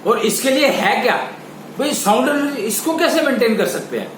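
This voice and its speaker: A man with a high-pitched voice delivers a spiritual lecture, explaining his ideas in slow, halting phrases. The room is echoey, with a faint hum of ambience behind him. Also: lively intonation. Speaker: teacher.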